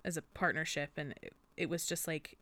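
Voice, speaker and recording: A woman's voice: deep voice, fairly even intonation, brisk, bright, forceful tone, dry recording. A young woman co-hosting a podcast, chatting casually and getting emotional, with frequent laughter. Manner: gushing, emotional, laughs often. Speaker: podcast co-host. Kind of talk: casual chat.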